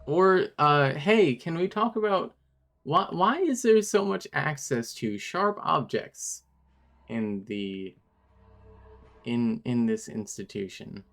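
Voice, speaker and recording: A man's voice: a little high, expressive, slow, creaky, fairly bright tone. A man streaming a game live and commenting with sarcastic jokes and frequent laughter. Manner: joking, sarcastic asides; laughs often while talking.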